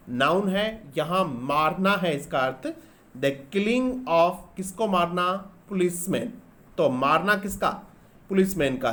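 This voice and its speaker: A man teaching English grammar in a lesson. He explains step by step, asks questions and answers them himself, and spells words out letter by letter. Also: a little high. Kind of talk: classroom-style grammar lesson.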